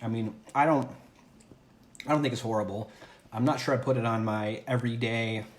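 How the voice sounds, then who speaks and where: A chatty man hosts a casual livestream from home, upbeat and thinking aloud as he goes. His voice sits at an ordinary middle pitch. The room is echoey, with faint ambience behind him. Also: fairly even intonation, a little fast, a little hiss or hum. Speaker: host of a home livestream food tasting. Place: at home, indoors. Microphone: camera or phone mic on a livestream.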